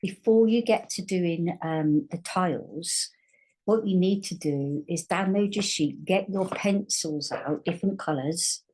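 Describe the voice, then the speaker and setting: Lady teacher, slow n patient, keeps repeating letter sounds, lowish voice. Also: a little mellow, husky, poor audio. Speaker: phonics teacher. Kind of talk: recorded online spelling lesson.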